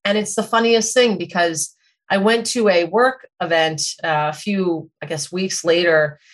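A middle-aged woman telling a personal story in a measured, thoughtful and self-questioning way, as a podcast host. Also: on the low side, steady tone.

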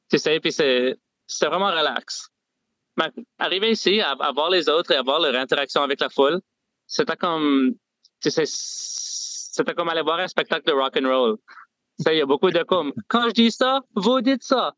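A young man with an Acadian French accent talks on a casual call in an easygoing, halting way. His voice sits a bit high. The line sounds muffled and dull, with no room echo. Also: sharp tone. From Nova Scotia, Canada. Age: young adult. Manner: easygoing, halting, leans on "tu sais" and "comme". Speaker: guest storyteller. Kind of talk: casual interview. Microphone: phone or remote call.

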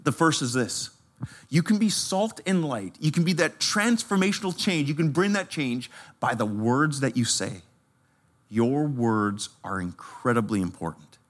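A man, a pastor giving a sermon with personal stories in a conversational, animated way. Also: medium pitch, unhurried. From Canada. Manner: animated, conversational, laughs while telling stories.

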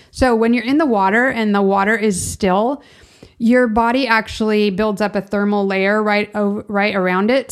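Woman, low-to-middle everyday pitch, heavy vocal fry, informal vlog talk, chatty, rambling delivery. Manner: chatty, rambling, self-interrupting. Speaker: vlogger sharing personal experience. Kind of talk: casual informal monologue.

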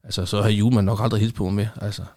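A middle-aged man, a former football referee, telling lively anecdotes in conversation and acting out what people said. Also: fairly low pitch. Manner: animated storyteller acting out quoted exchanges.

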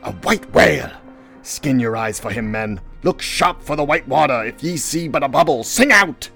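A man's voice: on the low side, expressive, unhurried, creaky, fairly bright tone, soft background music, exaggerated voice. A man voicing a vengeful, domineering old sea captain in a dramatic novel reading, with grandiose, archaic seafaring speech. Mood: rousing.

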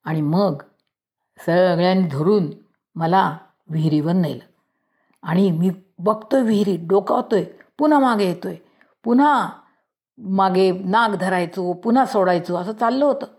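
A woman reading a storybook aloud in a lively way, acting out each character's voice. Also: lowish voice, a little slow.

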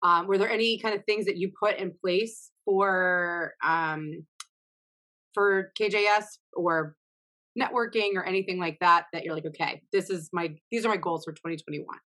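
A woman hosts a casual interview with a voice a little low in pitch. She asks her questions conversationally and pads them with easy fillers and hedges. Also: steady tone, moderate pace, pushed and bright.

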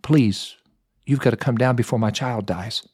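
A man playing a desperate nobleman father, begging urgently and without pause for his dying son. His voice sits at an ordinary middle pitch, and the recording is close and dry, with no room sound. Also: a little mellow, breathy edge, dry recording, close to an everyday voice. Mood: desperate pleading. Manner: pleading, urgent.

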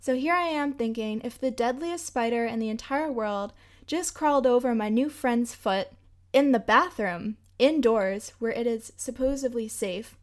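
A young woman hosting a podcast and telling a travel story in a chatty, emphatic way. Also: on the high side. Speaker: podcast host. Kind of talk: casual storytelling.

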